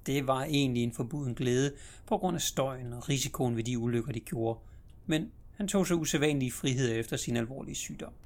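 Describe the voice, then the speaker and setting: Man, audiobook narrator, measured, dramatic storytelling, mid pitch. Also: darkish tone.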